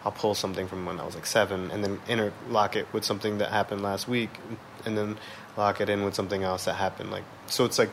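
This man talks fast in a fairly low voice with vocal fry and not much pitch variation. He's a musician in his thirties guesting on a podcast, rambling casually in slang and saying "like" over and over, with noticeable noise in the background.

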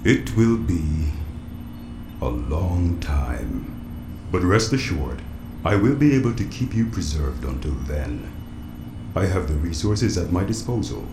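A man playing a formal, measured android computer that runs a doomsday bunker, in an audio drama. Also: rumbling low, lively intonation, full character voice. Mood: reassuring, formal. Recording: roomy echo, noisy background.

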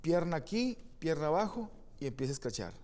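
A Mexican man with a high voice that swings all over. He is co-hosting a podcast in crude, joking casual chat, and acts out little scenes. The recording carries a long reverb tail. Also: sing-song, brisk, darkish tone, a little hiss or hum. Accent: Mexican Spanish. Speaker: podcast co-host.

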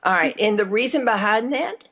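A woman hosting an interview, asking questions in an unhurried way with frequent affirming interjections. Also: a little high, expressive, fairly bright tone, breathy edge. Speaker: interview host. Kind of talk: casual interview talk.

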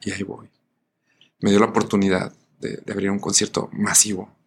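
A man with a Mexican accent, a guest musician telling a story in a casual, animated way, acting out the voices of the people in it and using plenty of fillers. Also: fairly low pitch, a little fast, gravelly, husky. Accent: Mexican Spanish. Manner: animated, acts out voices in his stories, many fillers.

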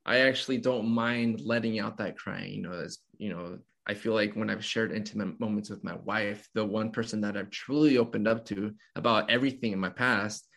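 Guest in his twenties, sincere and open, speaks with a fairly low voice and frequent restarts. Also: fairly even intonation, gravelly, a bit bright. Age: 20s. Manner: earnest, open, halting with restarts. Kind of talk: casual conversation.

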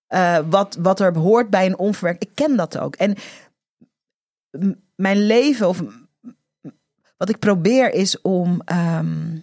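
A woman guest talking frankly and reflectively about her own life, hesitating often as she tells her story in conversation. Her voice sits at an ordinary middle pitch and is heard up close, with no room sound around it. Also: slow pace, long pauses, darkish tone, no echo. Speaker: guest, author.

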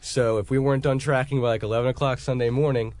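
Animated male musician telling stories. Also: mid-range voice, fast. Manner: animated storyteller, laughs often. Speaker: musician guest. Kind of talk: casual interview chat.

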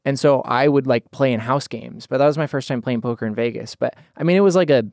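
A man in his twenties hosting a podcast, chatting casually in an animated, jokey way with plenty of laughter. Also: medium pitch, fast talker, vocal fry, dry recording, clean studio sound. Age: 20s. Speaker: podcast host.

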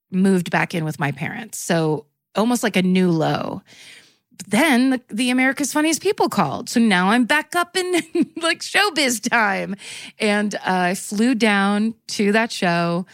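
A woman comedian rambles through stories in a casual interview, self-mocking and quick to laugh. Her voice sits mid-range, recorded dry and close. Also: medium pitch, dry recording. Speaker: guest comedian.

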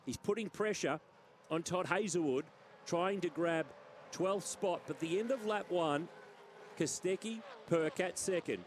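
A man with an Australian accent giving live motorsport commentary as lead race caller, listing positions and gaps in short punchy phrases. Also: high voice. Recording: clear engine and trackside noise behind. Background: race cars, outdoor circuit ambience.

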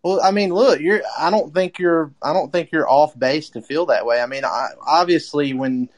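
A man's voice: a little high, moderate pace. A man hosting a casual sports talk show, rambling with lots of fillers and restarts as he calls on his co-hosts. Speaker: podcast host.

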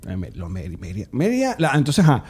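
A man with a Venezuelan Spanish accent, a stand-up comedian co-hosting a comedy podcast, chats casually, rambling with many restarts and frequent laughs. His mid-range voice is fast, a little mellow and slightly rough, with huge pitch swings.

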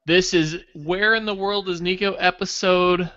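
Host, joking banter, high bright voice, muffled lo-fi sound. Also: male voice, steady tone, a little slow. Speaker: podcast host. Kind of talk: casual chat. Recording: muffled lo-fi podcast audio.

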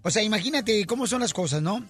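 A man hosting a radio show, trading jokes playfully and slipping into quick character voices. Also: high-pitched, lively intonation, a bit bright, faint music behind. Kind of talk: joke-telling radio banter.

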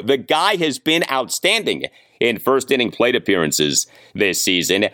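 Animated man hosting a sports podcast, dry sound. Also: medium pitch, no room sound. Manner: emphatic, repeats stats in a formulaic way. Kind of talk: scripted podcast narration and recap.

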